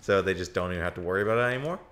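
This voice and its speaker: A young man co-hosting a casual let's-play, explaining the game's lore and calling out in excitement during fights. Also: sits low, rapid-fire, a little hiss or hum. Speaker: co-host of a gaming channel.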